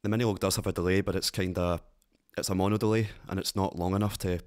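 A man with a Glaswegian accent hosting a synth tutorial, talking in a relaxed, rambling way with plenty of fillers. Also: deep voice, fast talker. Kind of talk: casual tutorial talk.

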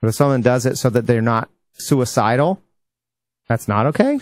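A man's voice: mid-range voice, lively intonation, moderate pace, no room sound. Podcast host, man, blunt and irreverent, speculates freely, dry studio sound. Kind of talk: casual podcast chat.

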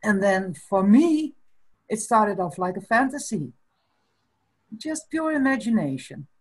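A Dutch woman in her fifties, a guest whose first language is Frisian, chats casually over a webcam from a small room in the Netherlands. She speaks slowly and thoughtfully, breaking into small laughs, in a sing-song, medium-pitched voice with a breathy edge.

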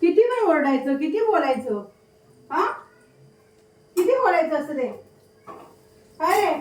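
A woman chats to her pet bird at home, scolding and teasing in a doting baby-talk way. Her voice sits high and sounds a little off-mic in an echoey room with faint noise behind it. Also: expressive, a little slow, far from the mic. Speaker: pet owner talking to her parrot. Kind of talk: home vlog, chatting to a pet.

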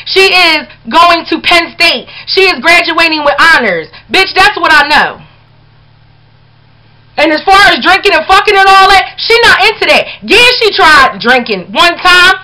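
A woman's voice: high-pitched, bright, forceful tone, poor audio. A middle-aged woman, a mother, ranting to the camera in an angry, profane, confrontational way. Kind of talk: casual vlog rant.

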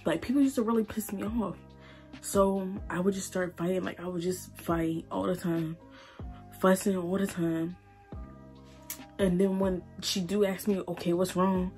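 A young woman, crying and halting as she tells her story while doing her makeup. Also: mid-range voice, steady tone, darkish tone, soft background music. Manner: emotional, halting, repeats herself. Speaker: beauty vlogger. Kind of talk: tearful get-ready-with-me chat.

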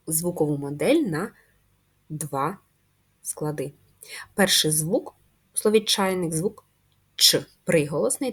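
Woman, first-grade teacher; low, husky voice, patient and slow, stretches each sound. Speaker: primary school teacher. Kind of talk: video lesson for first graders.

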